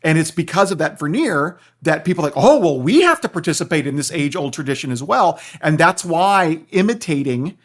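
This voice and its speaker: Fairly high-pitched and full of big pitch swings, this American man talks fairly quickly with few pauses. He's a guest expert on a podcast, a philosophy professor and author, explaining in a lively, conversational way and frequently checking in with the listener.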